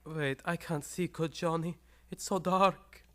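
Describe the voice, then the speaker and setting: An actor playing a nervous, clownish crooked doctor and eager sidekick, excitable and simply phrased, in radio comedy style. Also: male voice, a little high, measured pace. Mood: flustered. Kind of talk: old-time radio comedy acting.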